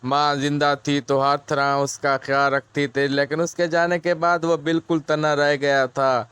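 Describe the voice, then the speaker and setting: A man, narrating a moral story in a measured, earnest way. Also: fairly high pitch, little pitch movement, a bit bright, clear, resonant tone, dry recording.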